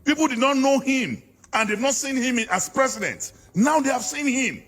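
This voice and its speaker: A man's voice: very high voice, lively intonation, normal speed, a bit bright. A Nigerian man arguing politics in a heated interview, fiery and preacher-like, hammering his points. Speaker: political guest.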